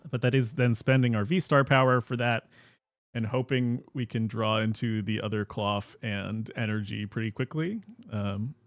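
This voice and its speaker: A man commentating on a competitive card game, measured and low-key. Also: no echo, clean studio sound. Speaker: caster.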